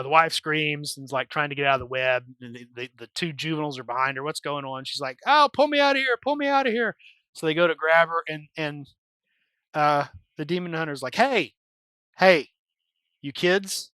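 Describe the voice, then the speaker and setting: A man's voice: medium pitch, pushed and bright, no room sound. A man acting as game master, recapping a tabletop game session in a rambling, conversational way.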